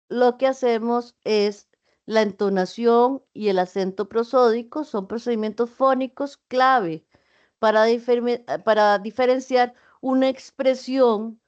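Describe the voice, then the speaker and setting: A woman's voice: on the high side, steady tone, a little slow, a little mellow, lo-fi sound. A woman giving an online class lecture, patiently explaining with spoken examples. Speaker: teacher.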